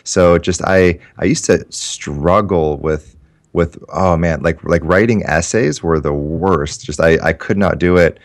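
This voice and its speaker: A man in his thirties whose first language was Japanese appears as a guest writer in a casual interview. He tells his story loosely and ramblingly, restarting often. His voice is deep and his pace unhurried.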